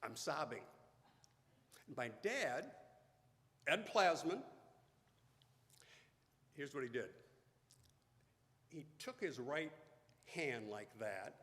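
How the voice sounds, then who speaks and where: A man in his fifties gives a sermon as a story, speaking slowly and with care. His mid-range voice carries long reverb through a church sanctuary. He grows quiet at tender moments. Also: mid-range voice. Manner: slow, deliberate storytelling, hushed at emotional points. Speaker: pastor. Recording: echoey church hall.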